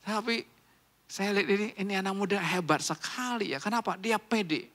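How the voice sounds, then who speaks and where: A middle-aged man preaching a sermon in a church, chatty and animated, often asking the congregation questions. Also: high-pitched, moderate pace. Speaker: pastor. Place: church sanctuary.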